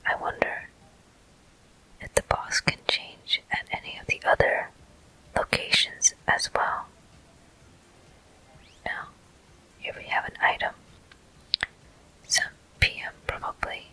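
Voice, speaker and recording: Whispering softly over a video game walkthrough, this gameplay host offers unhurried, explanatory ASMR commentary, pausing after each short phrase. The audio quality is poor.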